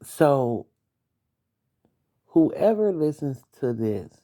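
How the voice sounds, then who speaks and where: A woman's voice: very deep voice, big pitch swings, drawn-out words, warm tone. A young adult woman hosting a late-night podcast, venting bluntly about her ex, swearing and talking straight at him. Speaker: podcast host.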